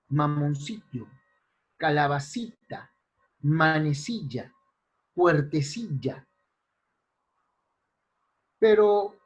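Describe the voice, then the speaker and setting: Guy teaching spelling online, kinda high voice, super slow and careful, keeps checking students follow. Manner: slow, deliberate, lists examples and checks in with "¿ya?". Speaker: language teacher. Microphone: computer mic in an online class.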